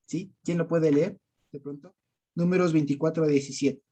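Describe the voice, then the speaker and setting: A man's voice: a little high, unhurried, mellow, husky. A man with an Ecuadorian accent teaching a Bible study. He chats casually, laughs often and keeps quizzing his listeners. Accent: Ecuadorian Spanish. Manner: conversational, quizzes listeners with rhetorical questions; laughs often, frequent verbal fillers.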